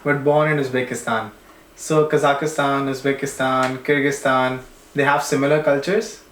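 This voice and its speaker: A man's voice: medium pitch, level tone, moderate pace, a bit bright, a little hiss or hum. Friendly Indian-accented male interviewer. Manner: friendly, repeats his thanks. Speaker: podcast host. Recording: echoey room.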